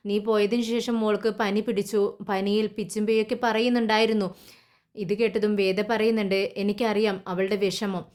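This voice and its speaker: A woman's voice: medium pitch, little pitch movement, normal speed, a little mellow. A woman narrating a recap of a TV serial episode in Malayalam, often restarting and correcting herself as she goes. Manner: plain retelling with frequent restarts and self-corrections. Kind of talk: voice-over retelling a TV serial episode.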